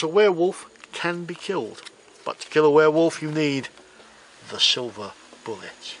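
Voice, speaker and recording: A man delivering card magician patter as spooky storytelling, with theatrical, deliberate phrasing and dry humour. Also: fairly high pitch, a little hiss or hum, poor audio. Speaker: magician presenting a trick of the week.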